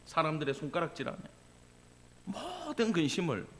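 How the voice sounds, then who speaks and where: A man preaching a sermon as pastor, swinging between quiet asides and loud cries, with casual spoken asides to the congregation. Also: fairly high pitch, wildly swooping pitch, normal speed.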